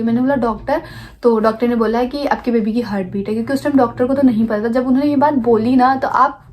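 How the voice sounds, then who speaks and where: A woman's voice: on the high side, a little mellow. Young woman telling a personal story. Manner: emotional, rambling, frequent restarts and mixed-in English words. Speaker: lifestyle vlogger.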